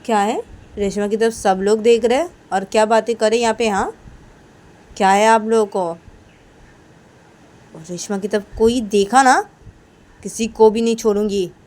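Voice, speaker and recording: A woman voicing a bold, protective young woman who talks loudly and keeps firing questions. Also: mid-range voice, fairly even intonation, moderate pace, pauses often, voice pushed up, lightly acted. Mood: insistent. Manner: loud, insistent, repeating questions.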